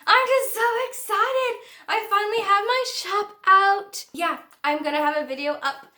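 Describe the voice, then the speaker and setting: A woman's voice: very high-pitched, normal speed, pushed and bright, echoey room. A young woman vlogger telling a personal story in a casual, chatty way, laughing often.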